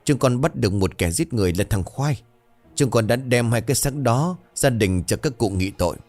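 A man's voice: medium pitch, lively intonation, moderate pace, darkish tone, faint music behind. A man voicing a deferential male village guard in a spoken ghost story, formal and servile. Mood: dutiful.

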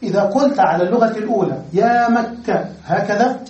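A man with a high-pitched voice gives a patient classroom grammar lecture. He lays out each rule step by step and keeps asking the class if they follow. He is recorded from across an echoey room, so his voice sounds distant. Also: brisk, a little mellow, dull audio. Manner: explains step by step, often checks understanding with questions. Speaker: Arabic grammar teacher. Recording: echoey room, voice far from the mic.

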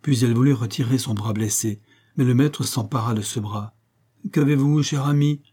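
A man narrating a classic novel as an audiobook, in a dark and mellow voice. His delivery is measured and even, at a middle pitch. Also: slightly rough. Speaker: audiobook reader.

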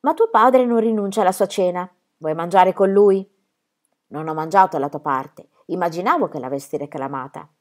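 A woman voicing a young, poor peasant girl who is gentle and wise, speaking tenderly in an audiobook reading. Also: lowish voice, moderate pace, lightly acted. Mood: coaxing.

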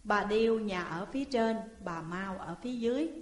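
A woman reading a classical tale aloud as a storyteller, voicing the characters' lines with shifting pitch and energy. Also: lively intonation, moderate pace. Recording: echoey room with long reverb.

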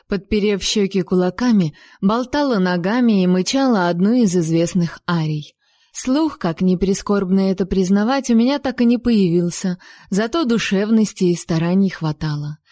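A woman reading a first-person novel aloud, lively and playful in her storytelling. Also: mid-range voice, no room sound, clean studio sound. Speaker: audiobook narrator.

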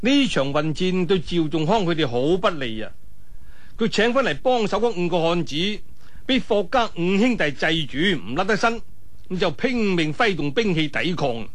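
A man with a Cantonese accent tells a martial-arts story in the dramatic, colloquial manner of traditional storytelling, adding spoken sound effects and interjections. His voice sits high and sing-song, at a moderate pace.

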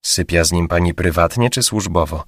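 A man reading in a lighter, hushed voice for a timid, anxious female client. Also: low voice, a little fast, husky, no room sound, clean studio sound. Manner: hushed, hesitant.

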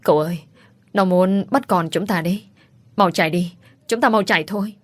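A woman's voice: lowish voice, moderate pace, no echo, close to an everyday voice. A woman voicing a frightened, pregnant young wife who pleads tearfully in a storybook reading.

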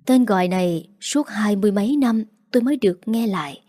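A woman reads a first-person story aloud, her delivery measured and full of feeling. Her voice is dark and mellow at a middle pitch, with a dry, close sound. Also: dry recording. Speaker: audiobook narrator.

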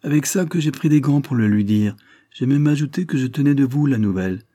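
A man's voice: mid-range voice, moderate pace, mellow, breathy edge, close to an everyday voice. A man doing a fawning, scheming housekeeper. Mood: triumphant. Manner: fawning, then triumphant. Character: intriguing middle-aged housekeeper woman, spiteful.

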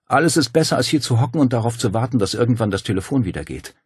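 A man's voice: medium pitch, animated, rapid-fire, breathy edge, no room sound, studio quality, voice pushed up. A man voicing a determined young woman who speaks urgently and decisively.

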